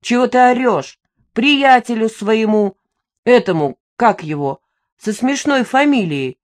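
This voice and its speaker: A woman's voice: fairly low pitch, expressive, a little slow, darkish tone. A tipsy, spiteful older woman gloats and grumbles, voiced by a woman reading an audiobook. She sounds drowsy and cranky, as if she wants to be left alone to sleep. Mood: grumpy. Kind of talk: audiobook character voice.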